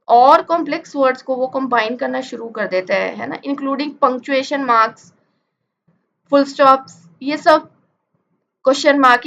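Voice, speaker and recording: A woman with a high, bright voice gives a classroom-style lecture. She explains step by step, checks in with tag questions and reads definitions out slowly. The recording sounds dull and muffled. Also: slight background noise. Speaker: teacher. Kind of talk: classroom-style lecture mixing Hindi and English.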